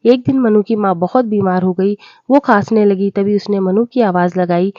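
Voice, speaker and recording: A woman reads a moral tale as scripted narration, steady and plain in her delivery. Her voice is mellow, and the recording is dry with a slightly dull, lo-fi sound. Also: mid-range voice, moderate pace, no room sound. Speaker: storyteller.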